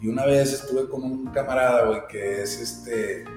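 A man's voice: medium pitch, fairly even intonation, normal speed, darkish tone, very echoey, in a large hall, faint music behind. A man with a Mexican accent, a bakery director talking as a podcast guest, slangy and swearing freely as he tells stories. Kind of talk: casual podcast interview.

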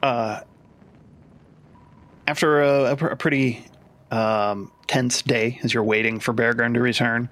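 A man's voice: medium pitch, steady tone, measured pace, pauses often, a bit bright. A man running a tabletop game as game master, talking in a hesitant way with many fillers and restarts.

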